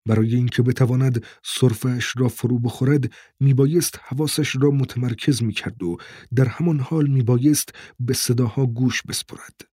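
A man narrating an audiobook in a steady, tense storytelling voice. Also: mid-range voice, slightly rough, dry recording, studio quality. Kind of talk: scripted narration.

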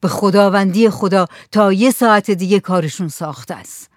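A reader voicing a practical male fisherman who speaks briskly. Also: mid-range voice, no room sound, clean studio sound, natural voice.

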